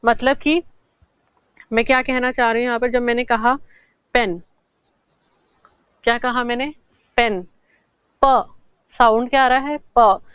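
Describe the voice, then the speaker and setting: A woman teaching English grammar in a classroom-style lesson. She asks questions and answers them herself, and slows down to spell out English example sentences. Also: a little high, steady tone, clear, resonant tone, dry recording, muffled recording.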